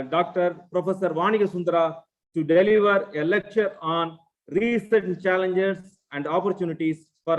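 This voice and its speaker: Man, notably high voice, formal read-out speaker introduction, slightly muffled lo-fi audio. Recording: dull, lo-fi call audio.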